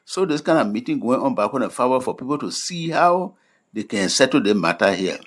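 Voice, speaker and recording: A man's voice: mid-range voice, animated, brisk. Liberian-accented man presenting news plainly. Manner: plain-spoken storytelling, simple colloquial phrasing with explanations of terms. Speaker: news presenter of fact-checks. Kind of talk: explanatory news narration in simple Liberian English.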